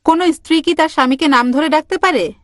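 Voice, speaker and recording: A woman in the audience politely asking a question, pausing with hesitant fillers. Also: high-pitched, no room sound, studio quality.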